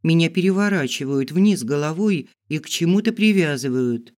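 A man reading an adventure story aloud, narrating in the first person with measured, expressive storytelling. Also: on the high side. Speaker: audiobook reader.

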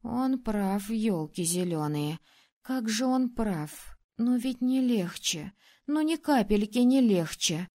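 Expressive woman reading an audiobook. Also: medium pitch. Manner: expressive, acting out the heroine's outbursts. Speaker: audiobook reader. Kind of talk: first-person audiobook narration.

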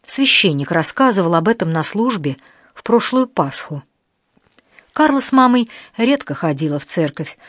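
A woman narrating a novel as an audiobook, lifting her pitch sharply for the quoted lines. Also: no echo, studio quality. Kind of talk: scripted narration.

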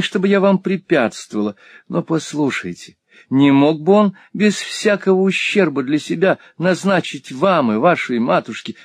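Male reader doing gossipy spinster painter, raised lively voice, dry close sound. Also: medium pitch, dry recording, pitched above the performer's own voice. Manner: gossipy, exclaiming. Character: chatty, shrewd middle-aged spinster painter.

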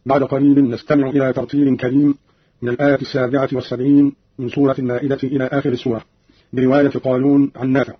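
A man's voice: mid-range voice, flat delivery, racing, husky, no room sound, highs cut off. A man reading a formal scripted explanation of recitation variants as a radio presenter, in an old radio recording.

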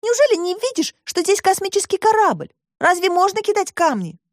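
A woman voicing a brave, kind young girl in an audiobook, speaking high and earnestly. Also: very animated, a little fast, a little mellow, no room sound, clean studio sound.

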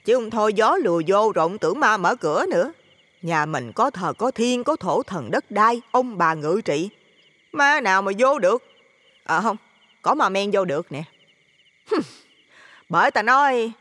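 A woman's voice: medium pitch, a bit bright, no echo. A woman playing a nagging middle-aged wife. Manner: scolding, nagging. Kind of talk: audio drama acting.

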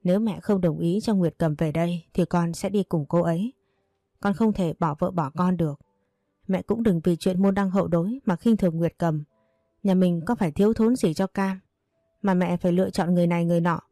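A woman's voice: lowish voice, fairly quick, mellow, no room sound, clean studio sound, soft background music, close to an everyday voice. A woman voicing a young man who firmly and earnestly stands up to his mother. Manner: firm, pleading and earnest.

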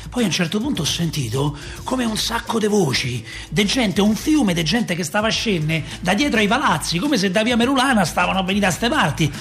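A male actor with a high, slightly bright voice plays a grieving working-class Roman father in a radio monologue. Speaking with a Roman accent in an emotive, colloquial style, he tells his story with a mood of uneasy recollection.

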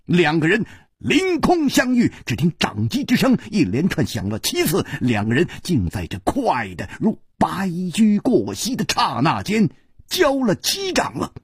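A man's voice: sits high, wildly swooping pitch, a little slow, slightly rough, no room sound, clean studio sound. A male storyteller giving a theatrical narration of a wuxia audiobook. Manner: theatrical, with sweeping rises and falls.

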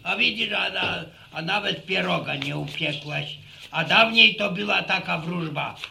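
An older man speaks in a high, creaky, sharp-toned voice, a little slow and deliberately exaggerated. He's an actor playing a jovial village grandfather in a radio drama, chuckling and rambling folksily through sayings and tales in an amused mood. The recording has a roomy echo and slight background noise.

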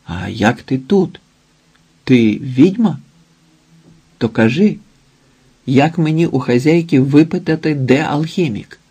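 A man's voice: on the high side, animated, slow, pauses often, warm tone, breathy edge, exaggerated voice. A man voicing a sleepy, grumpy young man who brushes others off, in an audiobook. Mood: rude. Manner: grumbling, dismissive.

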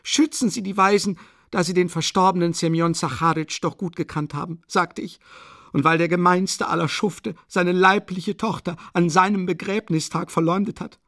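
A man's voice: high-pitched, fairly even intonation, moderate pace, a bit bright, no room sound, clean studio sound, pitched above the performer's own voice. A man reading an audiobook, voicing a proud, desperate widow who shrieks in haughty, breathless outbursts. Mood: shrill indignant.

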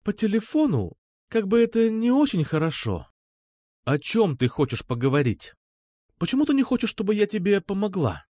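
A man voicing an eager, insistent young woman who keeps pressing to come over, with hurried pleading lines. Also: high voice, wildly swooping pitch, dark tone, dry recording, studio quality, voice pushed up, heavily acted. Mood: anxious. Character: young woman, eager, pushy, uneasy schoolgirl.

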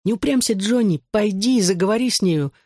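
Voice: mid-range voice, animated, normal speed, no room sound, studio quality, close to an everyday voice. A narrator voicing a cheeky, meddling teenage boy in an audiobook, teasing and theatrical. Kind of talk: audiobook character voice.

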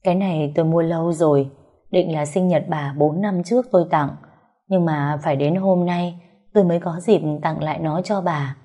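A woman's voice: lowish voice, moderate pace, dark tone, natural voice. A woman voicing an old grandfather who speaks in an earnest, pleading way.

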